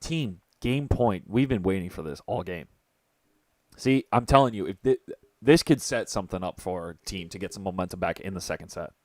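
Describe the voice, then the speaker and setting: Low-voiced excitable man commentating tennis. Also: moderate pace, dry recording. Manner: chatty, excitable, jokes with people off mic. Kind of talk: casual live-stream commentary.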